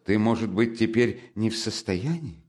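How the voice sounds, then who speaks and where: A man voicing a proud, hot-tempered young woman in a spoken storybook, mostly soft and restrained. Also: on the low side, normal speed, husky, voice pushed up. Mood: hushed.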